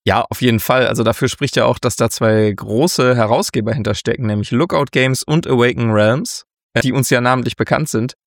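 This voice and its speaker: A man co-hosting a casual board game news podcast, relaxed and chatty, laughing often. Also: medium pitch, brisk, no echo, clean studio sound. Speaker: podcast co-host.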